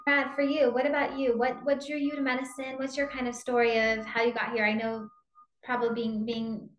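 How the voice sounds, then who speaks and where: A woman's voice: fairly high pitch, level tone, a little fast, reverberant, muffled recording, slight background noise. A woman interviewing medical students, encouraging them with questions.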